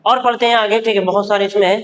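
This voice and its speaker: A man with a high voice teaches vocabulary, repeating every word several times and checking the class with quick questions. The sound carries a long reverb, as if he is recorded in a large hall. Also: fairly even intonation, a bit bright. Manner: repetitive, drills words and asks the class questions. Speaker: English teacher. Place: standing at a board in a classroom.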